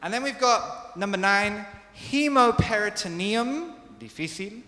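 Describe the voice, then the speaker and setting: Man, teacher, slow drilled pronunciation, bilingual, roomy hall echo. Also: a little high. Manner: lively, drills words slowly, switches between English and Spanish. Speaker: English teacher. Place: hospital lecture hall. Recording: echoey hall with long reverb.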